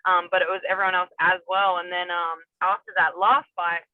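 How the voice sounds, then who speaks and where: A woman's voice: lowish voice, little pitch movement, brisk, no echo. Young woman on a tinny call line. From New Zealand. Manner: rambling, many fillers and restarts. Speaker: MMA fighter, guest. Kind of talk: casual interview chat. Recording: tinny phone-like remote call, dry.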